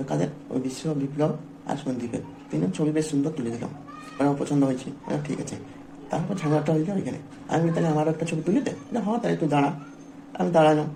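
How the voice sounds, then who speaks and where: A man spins a joking, rambling anecdote at a quick clip. His voice is gravelly and mellow, with faint background noise behind it. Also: a little high, low-quality recording. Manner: joking, rambling anecdote with local dialect words. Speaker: vlogger. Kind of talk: casual storytelling to camera.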